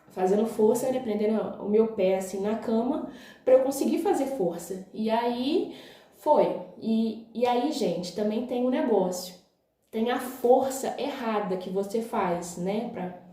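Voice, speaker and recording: Recorded in a very echoey room, a young female vlogger with a Brazilian Portuguese accent shares her personal story in a relaxed, talkative way. She laughs along and keeps using "gente" and "né", and her voice is mellow and on the high side.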